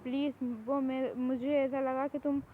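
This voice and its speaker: A woman's voice: high voice, flat delivery, measured pace, narrow, tinny audio, a little hiss or hum. A woman voicing a pampered, playful young woman who pleads and whines in a spoken fan story. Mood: pleading. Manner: pleading, whiny.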